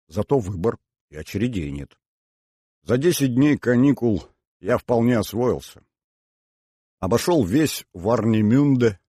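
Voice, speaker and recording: Male audiobook narrator, husky voice, lowish pitch, dry close sound, measured reading. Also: dark tone, dry recording. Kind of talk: scripted narration.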